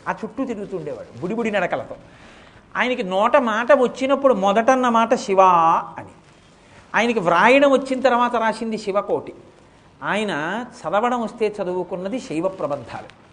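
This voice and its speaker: A man delivers a religious discourse in an animated storytelling manner. His voice sits high for a man, and he slows into chanted verse recitations. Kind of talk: sermon storytelling.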